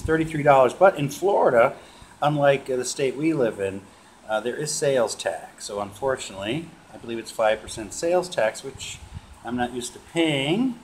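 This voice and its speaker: A man showing off his coin purchases in a casual vlog, relaxed and rambling, with lots of filler sounds. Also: medium pitch. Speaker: coin collecting vlogger. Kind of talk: casual show-and-tell vlog. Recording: noisy home video recording.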